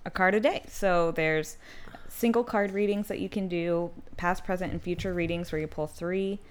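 Lowish-voiced young woman reading a tarot guide out loud on a casual podcast, breaks into laughs. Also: normal speed. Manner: laughs easily, reads from a guidebook with asides. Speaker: podcast co-host. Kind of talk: casual chat, reading instructions aloud.

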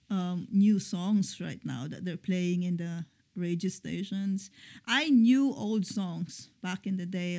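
A middle-aged woman co-hosting a casual chat show, talking slowly and hesitantly with frequent pauses. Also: on the low side, a little mellow. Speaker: podcast co-host.

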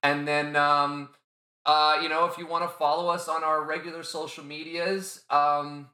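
A man rambles loudly through casual podcast chat, swearing now and then and circling back on his words. His voice is bright and forceful with a slightly raised pitch. The room around him is noticeably echoey. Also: level tone, normal speed. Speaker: podcast co-host.

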